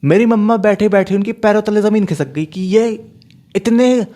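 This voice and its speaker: Young male storyteller, slightly higher voice, animated, mixes in English. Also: moderate pace. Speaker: storyteller vlogger. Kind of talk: casual storytelling.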